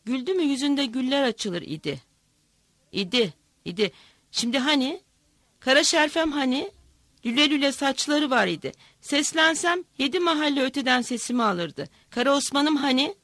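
A woman voicing a fierce, grieving old village woman who shouts her defiance in a storybook reading. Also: sits high, lively intonation, normal speed, dry recording, voice pushed up. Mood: grieving, shouting.

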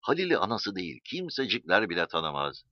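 A man's voice: sits low, wildly swooping pitch, fairly quick, no room sound. A man reading a story, voicing a changed young man who speaks earnestly and heavily. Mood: brooding. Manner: earnest, heavy sighing. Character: young man returned home changed, brooding. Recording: dull dry recording.

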